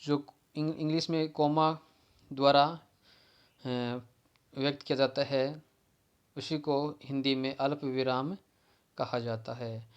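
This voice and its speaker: A man's voice: medium pitch, fairly even intonation, slow pace, long pauses, smooth, dull audio. A man teaching an exam-prep grammar lesson in with a tinge, repeating key terms and restarting words as he explains.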